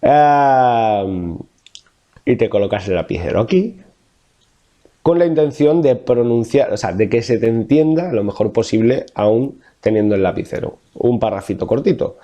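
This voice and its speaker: In an interview, a Castilian-accented man in his thirties from La Mancha, Spain, walks through diction exercises as a vocal coach, thoughtful but full of fillers and restarts. His mid-range voice is warm and expressive, moving at a moderate pace.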